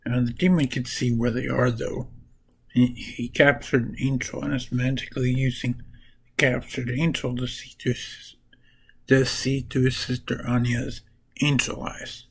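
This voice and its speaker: A man walks through comic plots at an unhurried, deliberate pace, his voice gravelly with fry and a husky edge. He talks casually and haltingly, retelling the story bit by bit. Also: medium pitch, level tone, low-quality recording. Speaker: comic book reviewer.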